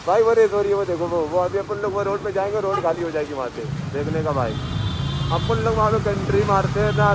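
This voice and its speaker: A young man narrates a motorcycle ride in quick, excitable bursts, and his voice sits high. The sound comes from a phone wedged in his helmet. Loud wind and traffic roar nearly bury his words. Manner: excitable, shouting over traffic. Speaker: motovlogger. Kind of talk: riding commentary. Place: on a motorcycle on open roads. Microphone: helmet-mounted phone. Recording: loud wind and road noise.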